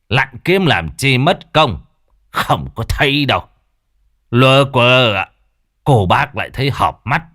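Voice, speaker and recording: A man voicing a stern elderly village elder who barks gruff orders in a hoarse, husky voice. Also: low-pitched, bright, forceful tone, no echo, studio quality, heavily acted.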